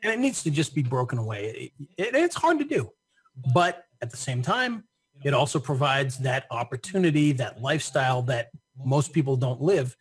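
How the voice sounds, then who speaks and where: A man's voice: medium pitch, sing-song, normal speed, husky, faint music behind. A man speaking as an interview guest in a casual conversation, often repeating his first words and laughing.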